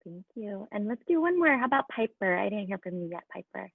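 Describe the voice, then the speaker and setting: Brisk and very animated, a woman with a medium-pitched, husky voice and some vocal fry runs a class video call. As an elementary school teacher moderating questions, she speaks casually and encouragingly as though to young children. The audio is tinny and phone-like but has no echo.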